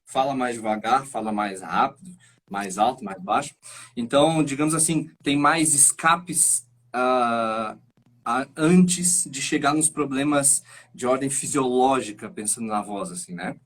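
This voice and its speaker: A man who acts and teaches singing, explaining his ideas in an animated, thinking-aloud way as a guest on a live stream over a video call. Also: medium pitch, unhurried. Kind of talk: casual chat.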